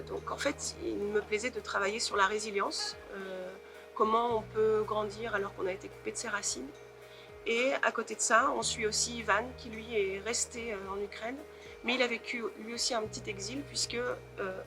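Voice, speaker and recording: A woman novelist answers interview questions thoughtfully, pausing often as she searches for words. Her medium-pitched voice stays steady in tone, and music plays under her.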